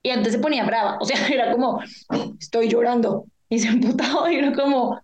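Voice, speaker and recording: A woman's voice: high-pitched, fast. A woman, chatting candidly and emotionally as a podcast co-host. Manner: emotional, candid, animated storytelling. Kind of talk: casual chat.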